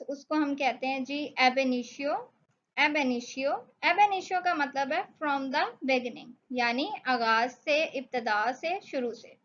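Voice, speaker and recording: A young woman teaching an English vocabulary lesson, explaining each phrase slowly with several meanings. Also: high-pitched, highs cut off. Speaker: English instructor.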